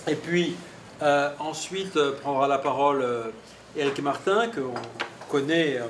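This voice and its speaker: A man's voice: on the high side, a little slow. A man hosting an academic event, introducing speakers in hesitant, broken-up phrases. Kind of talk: semi-improvised academic introduction. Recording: echoey room, distant mic, faint noise.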